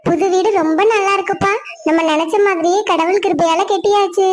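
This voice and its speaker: A woman's voice: very high-pitched, steady tone, brisk, slight background noise. A woman doing a sweet little cartoon girl. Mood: childlike. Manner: childlike, pleading to her father. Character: young daughter, sweet and outspoken.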